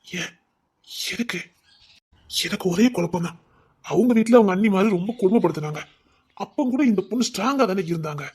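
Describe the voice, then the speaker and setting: High-voiced male storyteller. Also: fairly quick, pauses often, darkish tone, slightly rough. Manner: wondering, questioning, then conversational dialogue. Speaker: storyteller voicing all parts. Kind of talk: dramatic audio story telling.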